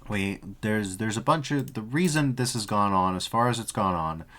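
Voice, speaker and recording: A man's voice: fairly low pitch, normal speed, fairly bright tone. A man streaming, reading a dry report aloud and breaking off for profane, jokey asides.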